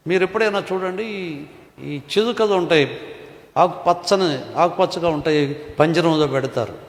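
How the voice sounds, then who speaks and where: In an echoey hall, a man whose voice is on the high side preaches as pastor. He fires rhetorical questions at the congregation and alternates between booming and hushed delivery.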